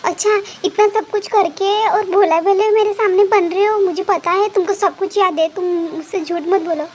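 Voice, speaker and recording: A woman's voice: very high-pitched, fairly even intonation, moderate pace, darkish tone, slight background noise. A woman voicing a drowsy, teasing young man in a storytelling fan fiction.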